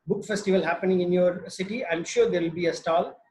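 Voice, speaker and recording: Higher-pitched man with a South Indian accent, slightly nervous. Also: a little mellow. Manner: halting, joking, conversational. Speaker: webinar speaker. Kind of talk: informal talk on books.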